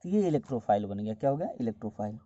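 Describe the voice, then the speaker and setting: A man teaching a chemistry lesson, explaining each step slowly and repeating key terms as he goes. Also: fairly low pitch, lively intonation, mellow, no echo. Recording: dull, dry lo-fi recording.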